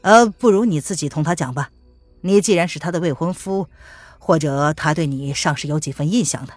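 A woman voicing a smooth, scheming young man who laughs and coaxes in a wheedling tone. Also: deep voice, brisk, no echo, soft background music, pitched below the performer's own voice. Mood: sly. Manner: chuckling, wheedling, sighing.

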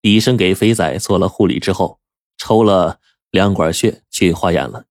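A man telling a story in lively, colloquial narration, doing voices for each character. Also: deep voice, moderate pace, no room sound, clean studio sound.

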